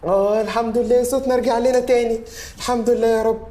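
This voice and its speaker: An actor playing an excitable, childish grown son, speaking with an Egyptian accent. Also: male voice, extremely high pitch, quick pace. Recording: echoey room.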